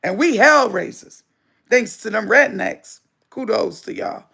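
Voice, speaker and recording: Slow, gravelly woman preaching. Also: fairly high pitch, expressive, pushed and bright. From United States. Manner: emphatic, preachy, repeats lines for stress. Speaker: livestream host. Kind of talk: spiritual livestream monologue.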